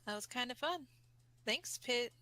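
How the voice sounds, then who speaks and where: A woman reading the part of a laconic, moody young man in an amateur fan fiction reading, muttering her lines flatly. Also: fairly high pitch, takes it slowly. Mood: deadpan. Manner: flat, muttered delivery.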